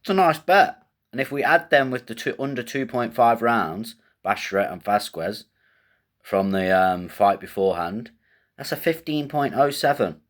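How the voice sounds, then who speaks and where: A man's voice: on the low side, expressive, moderate pace. A man hosting a casual fight-betting show, thinking aloud in a rambling, slangy way with casual swearing.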